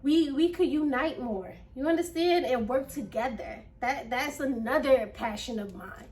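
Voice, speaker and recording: Woman vlogger, high voice, earnest and slightly winded, mic set a bit back. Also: moderate pace, darkish tone. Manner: earnest, repeats phrases, many fillers. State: slightly out of breath; nervous. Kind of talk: casual first-vlog chat. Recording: voice a little distant from mic.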